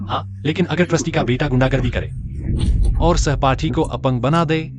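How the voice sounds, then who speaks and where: An actor in a dubbed short drama playing a calm, protective young male student with a cool, controlled manner. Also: fairly high pitch, normal speed, natural voice. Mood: cold.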